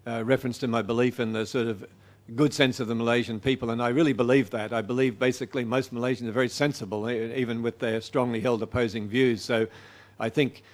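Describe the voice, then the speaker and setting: A man answering audience questions after a lecture. He speaks in a halting, thoughtful way, pausing often and restarting his sentences. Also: medium pitch, fairly even intonation. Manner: hesitant, many fillers and restarts. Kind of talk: public talk Q&A.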